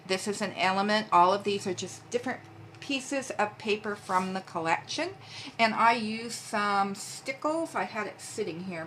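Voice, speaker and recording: A woman's voice: medium pitch, fairly bright tone, slight background noise. A woman hosting a papercraft video, chatting casually as she shows her handmade cards, with frequent ums along the way. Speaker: papercraft channel host. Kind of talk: casual craft show-and-tell.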